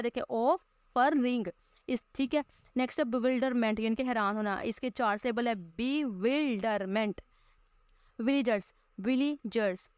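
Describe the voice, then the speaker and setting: A woman teaching a school English lesson, reading English lines slowly and then explaining them quickly with fillers. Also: on the high side, clear, resonant tone, no echo.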